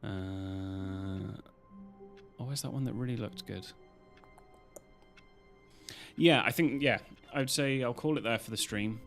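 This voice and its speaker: A man's voice: lowish voice, normal speed, creaky, soft background music. A British man chatting casually as a live streamer, in a loose, rambling way with some casual swearing. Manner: rambling, loosely strung-together talk.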